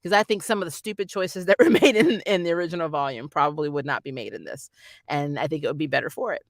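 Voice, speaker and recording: A channel host reviews a show in casual fan commentary, animated and giggly, often acting out the characters' lines. Her medium-pitched voice moves at a quick pace, recorded dry with clean studio sound.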